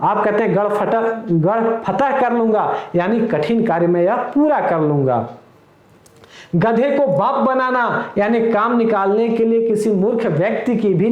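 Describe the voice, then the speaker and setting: A man's voice: high voice, darkish tone, echoey room, highs cut off. A man teaching an exam-prep lesson, explaining each idiom with everyday example sentences and calling his viewers friends. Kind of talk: recorded lecture.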